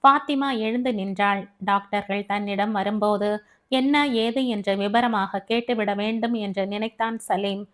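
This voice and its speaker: A woman narrating an audio novel in a steady, measured storytelling manner. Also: mid-range voice. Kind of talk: scripted narration.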